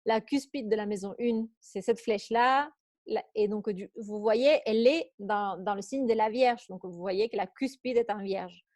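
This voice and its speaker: A woman's voice: medium pitch, normal speed, darkish tone, dry recording. A woman with an accent teaching an online astrology workshop. She talks in a chatty way, reads out questions from participants and laughs easily. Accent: foreign accent. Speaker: astrology coach.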